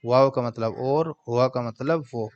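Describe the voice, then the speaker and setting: A man teaching an Arabic grammar lesson, translating word by word in a slow, patient way. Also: medium pitch, a little mellow, dull audio.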